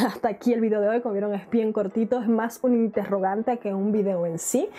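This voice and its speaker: A woman's voice: medium pitch, dark tone. A married woman vlogging casually to her viewers, chatty and full of questions, laughing now and then. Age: adult, married. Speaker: YouTube vlogger. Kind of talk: casual chat to camera.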